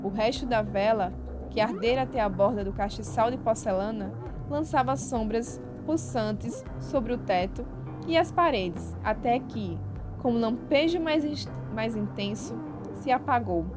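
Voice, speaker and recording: Female storyteller, fairly high voice, measured dramatic reading, music bed behind. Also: animated. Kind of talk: reading a short story aloud. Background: background music.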